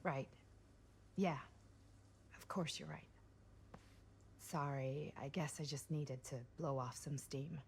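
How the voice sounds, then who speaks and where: An actress voicing a sharp-tongued, fed-up young adult sister in a video game, talking bluntly and sarcastically. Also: female voice, deep voice, steady tone, slow pace, pauses often, slight background noise. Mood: deflated.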